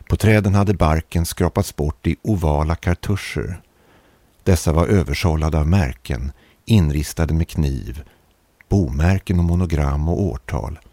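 A man reading an eerie first-person story aloud in a measured, calm narrating manner. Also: very deep voice, dry recording.

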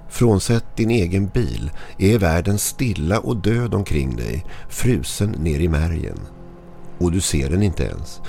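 A man narrating a scripted horror story in a measured, ominous way. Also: low-pitched, gravelly, mellow, slight background noise.

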